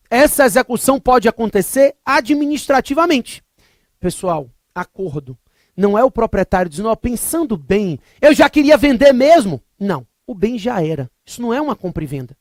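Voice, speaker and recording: A man's voice: high-pitched, no room sound, clean studio sound. Jokey Brazilian man lecturing on law. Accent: Brazilian Portuguese. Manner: emphatic, repetitive, jokey digressions. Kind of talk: recorded exam-prep lecture with comic anecdotes.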